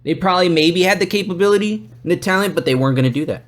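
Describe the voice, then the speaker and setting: A man hosting a podcast, telling stories in a casual, profane, animated way. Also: high-pitched, rapid-fire. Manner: profane, animated, acts out quotes. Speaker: podcast host. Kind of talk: casual storytelling.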